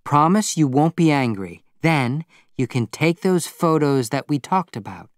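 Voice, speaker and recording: A man's voice: on the high side, expressive, measured pace, no echo, studio quality, voice pushed up. A man voicing a silly, amused young woman who is a little drunk, breezy and coaxing, calling people darling in an audiobook. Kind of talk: audiobook character voice.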